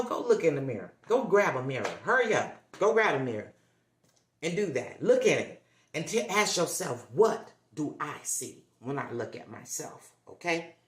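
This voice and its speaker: Emphatic motivational woman in a roomy space. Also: fairly low pitch. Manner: emphatic, repetitive, coaxing with tag questions. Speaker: livestream host. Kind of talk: motivational livestream talk. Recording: roomy echo.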